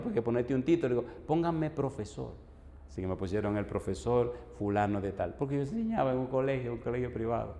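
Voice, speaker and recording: Man, pastor, lively storyteller voicing every part; mellow tone, long hall reverb. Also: medium pitch. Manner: animated storyteller, acts out the dialogue. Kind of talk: sermon with personal storytelling. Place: church hall. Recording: long echo of a church hall.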